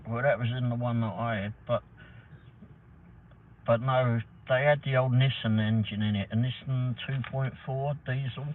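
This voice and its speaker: He's a middle-aged man with an English accent who works as a delivery driver and hosts a rambling livestream chat, swearing mildly at times. His medium-pitched voice stays fairly even at a moderate pace, heard through tinny phone-like audio with faint noise.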